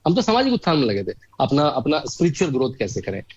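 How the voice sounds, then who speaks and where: A man's voice: mid-range voice, wildly swooping pitch, fast talker, a little mellow, breathy edge, no room sound, lo-fi sound. A man speaking as a guest in a conversation, giving emphatic political commentary and stacking up long lists of examples. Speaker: guest, author.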